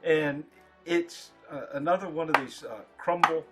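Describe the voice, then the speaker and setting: A man giving a casual, rambling product review in short, halting phrases, as a reviewer talking to his viewers. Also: on the high side, slightly rough, faint music behind. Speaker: pipe tobacco reviewer.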